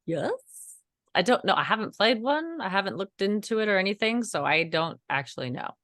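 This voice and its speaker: A woman's voice: mid-range voice, sing-song, brisk, a bit bright, dry recording, clean studio sound. A woman co-hosting a casual chat while getting over a cold, talking loosely with lots of fillers and restarts and the odd giggle. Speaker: co-host.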